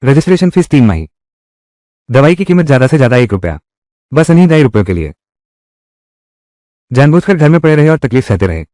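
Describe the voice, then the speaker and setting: A man's voice: medium pitch, very animated, a little fast, pauses often, dark tone, no echo, clean studio sound, natural voice. A man voicing heated, scolding family quarrels in dubbed drama dialogue. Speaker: voice actor dubbing a village family drama.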